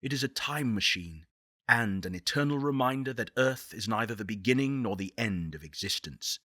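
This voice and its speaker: In a game, a man voices the visionary leader of a space program, speaking in a crisp, forceful, fairly low voice recorded very dry with no room sound. He is solemn, eloquent and expressive, delivering each line as deliberate, persuasive oratory in a lofty, reflective mood.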